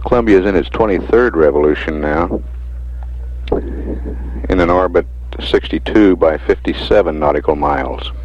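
A man giving measured mission status commentary over a radio transmission, pausing often on fillers. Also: sits low, darkish tone, slight background noise. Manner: measured, with frequent hesitant fillers. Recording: muffled archival radio recording.

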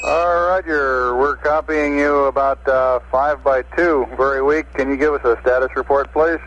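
Male radio operator over a radio transmission: mid-pitched, clipped procedure talk, dull lo-fi sound with faint static. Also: steady tone, normal speed, fairly bright tone. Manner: clipped call-and-response with frequent uh. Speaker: mission control radio operator. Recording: muffled radio link with faint hiss.

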